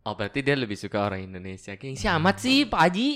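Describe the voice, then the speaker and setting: A young man co-hosting a casual podcast, joking around in lively, slangy banter. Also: mid-range voice, fast talker. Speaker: podcast co-host. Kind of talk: casual chat.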